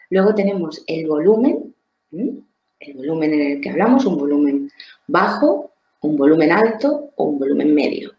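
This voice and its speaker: A woman's voice: sits low, warm tone. A woman, teaching a lesson on social skills. She explains step by step, often repeats words, and checks with the listener through tag questions. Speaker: trainer. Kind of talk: explanatory lecture. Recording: echoey room.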